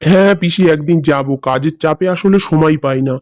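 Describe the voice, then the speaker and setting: A man voicing a friendly young nephew in a cartoon drama, warm and inquisitive. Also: a little high, fairly quick, no echo, natural voice. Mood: concerned.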